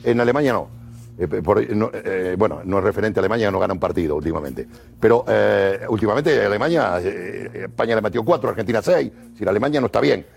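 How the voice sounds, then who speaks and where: Gravelly football pundit. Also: male voice, fairly low pitch, lively intonation, fast. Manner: opinionated, hesitant with fillers. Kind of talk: studio sports debate.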